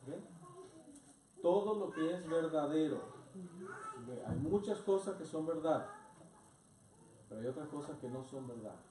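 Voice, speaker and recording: A man's voice: fairly high pitch, lively intonation, a little slow, long pauses, dark tone. A male pastor preaches earnestly, often asking his listeners short rhetorical questions. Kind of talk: sermon. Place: church hall. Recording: echoey church hall from far off, noisy.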